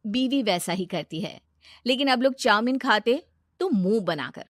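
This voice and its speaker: A woman's voice: a little high, expressive, normal speed, no echo, clean studio sound. A woman narrating a scripted moral story as a storyteller.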